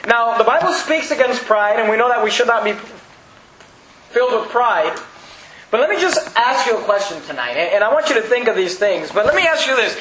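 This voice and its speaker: A man's voice: very high-pitched, sing-song, brisk, background noise. A man preaching a sermon, earnest and repetitive, often asking the congregation questions. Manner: earnest, repeats words, asks the congregation questions. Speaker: pastor. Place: church. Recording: echoey church hall.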